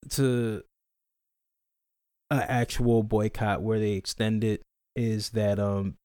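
A man with a lowish voice talks through his ideas in a relaxed podcast chat. He works things out aloud and hesitates often. The recording is close and dry, with no room sound. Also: takes it slowly, smooth, dry recording. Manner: laid-back, thinking aloud, hesitant with fillers. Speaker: podcast co-host. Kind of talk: casual chat.

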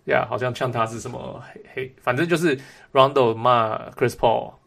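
A man's voice: mid-range voice, fairly even intonation, moderate pace, creaky, a bit bright. A man casually discussing sports as a co-host, mixing English words into his speech. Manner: code-switches between Mandarin and English.

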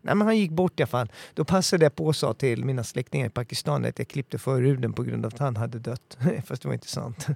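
Brief: young male podcast co-host, playful and wordy, gravelly tone, dry close sound. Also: mid-range voice, few pauses, darkish tone, no echo. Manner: playful, jokey, plays with words. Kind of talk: casual podcast chat.

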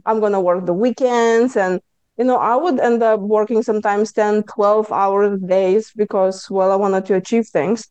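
On a podcast, a woman with a Lithuanian accent who coaches people on stress management tells her personal story with earnest candor, punctuated by lively quotes of her own words. Her medium-pitched voice is clear and resonant at a moderate pace. The recording is dry and muffled.

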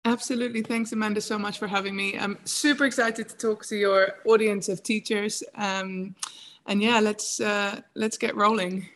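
Woman in her thirties, coach on a podcast, chatty and warm-toned. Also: mid-range voice, fairly even intonation, normal speed, a little hiss or hum. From England. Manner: chatty, laughs often, many fillers. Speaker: guest, emotional intelligence coach. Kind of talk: casual interview talk.

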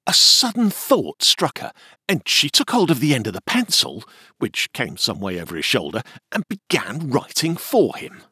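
A narrator reading a children's story aloud in a measured, theatrical way. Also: medium pitch, wildly swooping pitch, sharp tone, breathy edge, no echo, clean studio sound. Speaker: audiobook narrator.

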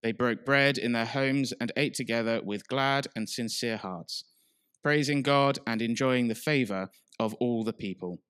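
Male church reader, smooth medium-pitched voice, scripture read aloud, close dry sound. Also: measured pace, a bit bright, dry recording. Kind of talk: Bible reading.

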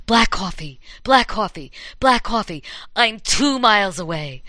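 A woman's voice: mid-range voice, animated, unhurried, sharp tone, dry recording, clean studio sound. Woman whispering as a vengeful sister's ghost. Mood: eerie whisper. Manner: eerie, whispering.

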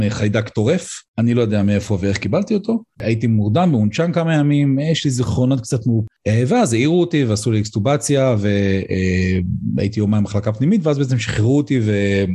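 A middle-aged man, an emergency physician, speaking as a podcast guest and pausing often on "uh" fillers as he talks. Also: on the low side, dark tone, breathy edge. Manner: hesitant, frequent "uh" fillers. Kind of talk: podcast interview, personal account.

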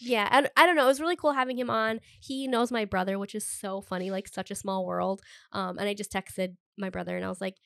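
A woman's voice: mid-range voice, fairly even intonation, a little fast, gravelly, few pauses, a bit bright, clear, resonant tone, dry recording, clean studio sound. A woman co-hosting a podcast in casual chat, slightly congested, gushing with enthusiasm and saying "like" a lot. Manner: gushing, enthusiastic, heavy use of "like". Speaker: podcast co-host.

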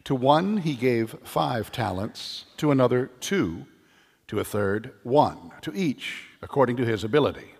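A cleric reading the Gospel at Mass with a measured, solemn delivery, his voice ringing in a cathedral echo. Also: medium pitch, darkish tone. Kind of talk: liturgical Scripture reading. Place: large church. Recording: long church reverb.

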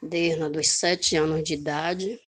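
Deep-voiced woman union leader. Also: fairly even intonation, slow, breathy edge. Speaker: domestic workers' union leader.

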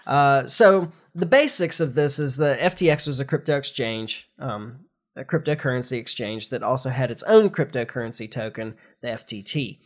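At a moderate pace and in a mid-range voice, the podcast host chats casually. He is middle-aged, and a recent flu has made him sound congested and nasal as he explains the news informally.

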